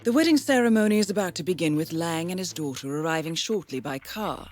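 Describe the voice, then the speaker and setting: A composed, businesslike mission handler with a crisp British accent, played by a woman in a video game briefing. Her measured delivery rises and falls with lively pitch. Faint music plays beneath her. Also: close to an everyday voice. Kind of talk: scripted game dialogue.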